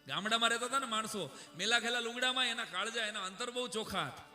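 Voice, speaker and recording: Male comedian, 30s, bright high voice, echoey live stage, chatty storytelling. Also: quick pace, soft background music. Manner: chatty, talks to the audience.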